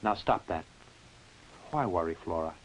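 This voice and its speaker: A man's voice: deep voice, animated, a little slow. A man playing a firm, reassuring suitor and father in a dubbed old horror film, speaking in a soothing, insistent way. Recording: hissy, noisy old film soundtrack.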